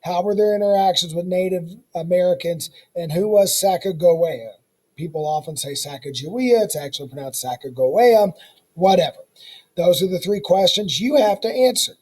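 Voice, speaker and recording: A man's voice: high-pitched, a little mellow, breathy edge, rough recording. A male social studies teacher, talking students through a recorded online lesson in a casual, folksy way and repeating the key points.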